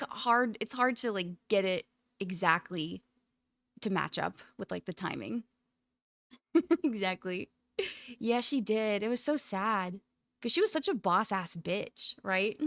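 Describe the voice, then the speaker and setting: A woman's voice: medium pitch, creaky, a bit bright, dry recording, clean studio sound. A woman streamer chatting casually with her viewers, laughing often and rambling with lots of "like" fillers. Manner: giggly, rambling, full of "like" fillers. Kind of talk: casual livestream chat.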